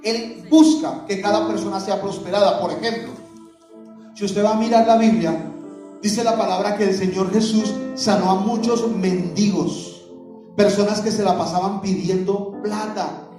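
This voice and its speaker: Echoey high-voiced preaching man. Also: fairly even intonation, normal speed. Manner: preaching with call-and-response questions to the congregation. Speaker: pastor. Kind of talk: sermon. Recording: echoey hall, voice from far off, music behind.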